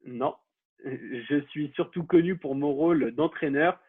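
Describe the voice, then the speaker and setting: A man runs a relaxed quiz and keeps stopping and restarting his sentences. His voice is husky and slightly high, and it comes through a dry, narrow-band line that sounds like a phone. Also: a little slow. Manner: hesitant, many fillers and restarts. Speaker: quiz host. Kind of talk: casual podcast quiz hosting.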